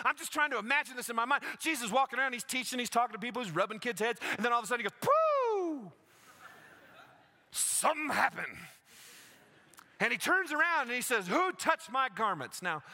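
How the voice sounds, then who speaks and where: A man's voice: very high-pitched, bright, forceful tone. A man preaching a sermon, telling a story with energy and acting out the voices of the people in it. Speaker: pastor.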